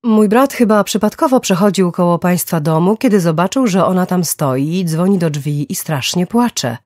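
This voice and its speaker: A woman voicing a man who calmly explains what happened, in an audiobook thriller. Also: lowish voice, moderate pace, no echo, clean studio sound, pitched above the performer's own voice. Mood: explaining. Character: calm explaining man, the brother.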